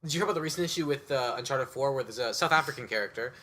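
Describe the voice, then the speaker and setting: A man hosting a casual video game podcast, quick and joking. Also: medium pitch, a bit bright. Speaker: podcast host. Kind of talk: casual chat.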